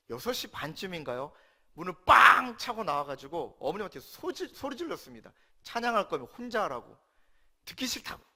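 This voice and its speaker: A man in his thirties, a pastor, giving a sermon with a personal testimony and acting out his own angry outbursts. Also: high-pitched. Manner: emotional storytelling, acts out his own angry shouting.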